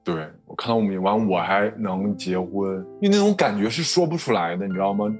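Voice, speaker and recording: A man telling his own story in a soft-spoken, halting, heartfelt way. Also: lowish voice, expressive, faint music behind. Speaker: story guest. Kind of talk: personal storytelling.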